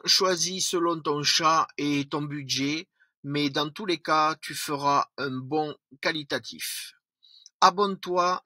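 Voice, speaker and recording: A man presenting a product review vlog, reading through points with slips and quick self-corrections. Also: a little high, bright, forceful tone, dry recording.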